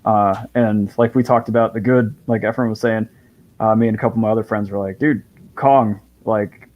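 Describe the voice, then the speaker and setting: A man's voice: on the low side, level tone, brisk, muffled recording. A man in casual chat about a movie, rambling along with lots of fillers.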